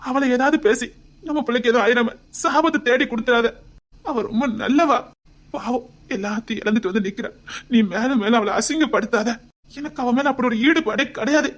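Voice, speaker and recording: A woman's voice: fairly high pitch, brisk, natural voice. A woman with a Tirunelveli Tamil accent voicing a doting young husband and father-to-be, tender and pleading, often near a whisper. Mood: earnest. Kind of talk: homemade web drama.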